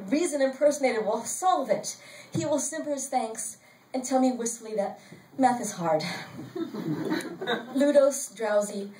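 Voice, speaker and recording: An older woman reading her own story aloud at a live event, in a wry, deadpan storytelling manner. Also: a little high, distant mic. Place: bar event space, indoors. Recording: roomy sound from off-mic, faint crowd noise.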